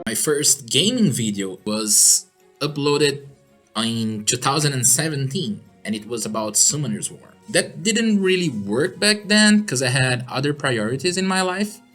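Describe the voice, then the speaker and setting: This gaming YouTuber from Brazil, whose first language is Portuguese, speaks accented English while answering viewer questions in a casual Q&A. His animated, mid-range voice is fairly bright and unhurried; he's upbeat and chatty, laughs a lot, and faint music sits behind him.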